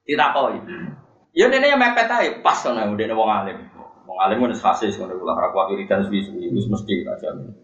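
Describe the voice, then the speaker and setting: A man's voice: fairly low pitch, sing-song, a little fast, a bit bright. A middle-aged man with a Javanese accent giving a humorous religious study lecture, repeating his key points and quoting Arabic. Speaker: Islamic preacher. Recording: echoey, muffled lo-fi recording.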